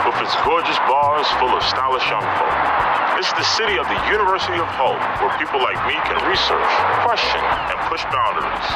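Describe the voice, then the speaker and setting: A man with a New York accent hosting a podcast, stammering through questions and reading a playful scripted monologue. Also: on the high side. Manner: stammering restarts, "mm-hmm" backchannels. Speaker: podcast host. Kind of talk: casual interview chat and scripted monologue. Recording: echoey room with loud music behind.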